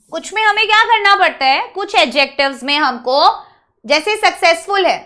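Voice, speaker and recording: A woman teacher giving an online English grammar lesson, mixing Hindi explanation with English terms and drilling word forms slowly one by one. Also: very high-pitched, sharp tone.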